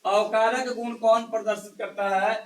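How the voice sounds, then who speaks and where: A male chemistry teacher in a live class, quizzing students one by one and hushing the noisy ones. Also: sits high, fairly even intonation, normal speed. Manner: quizzes students one by one, scolds and hushes them. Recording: echoey classroom.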